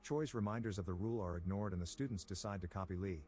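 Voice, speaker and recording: A man reading a scripted plot recap in a brisk, even storytelling manner. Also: low voice, faint music behind. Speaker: recap narrator.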